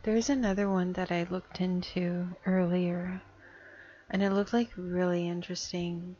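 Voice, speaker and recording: A woman's voice: fairly low pitch, flat delivery, unhurried, dark tone, muffled recording. A woman giving casual gameplay commentary, chatty and often muttering or half-whispering to herself. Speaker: gameplay streamer.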